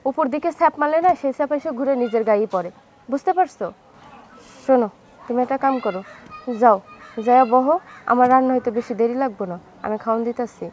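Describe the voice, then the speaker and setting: A woman's voice: a little high, fast talker, long pauses, a little mellow, slight background noise, lightly acted. A woman playing a complaining young wife. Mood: placating. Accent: colloquial Bangladeshi Bengali. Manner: complaining, then placating. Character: young wife urging her husband to calm down. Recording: with faint background music.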